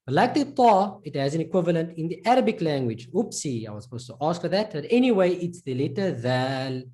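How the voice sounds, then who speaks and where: A woman leads a live online pronunciation lesson, patiently repeating each sound so her students can copy it. Her voice sits low and mellow. She swings her pitch widely as she models each sound. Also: sing-song, brisk. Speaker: Arabic teacher.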